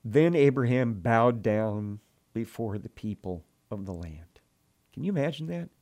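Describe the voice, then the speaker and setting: Male preacher, unhurried delivery, mid-range pitch, earnest and emotional in telling the story. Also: lively intonation, darkish tone. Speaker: Bible teacher. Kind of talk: sermon with scripture reading.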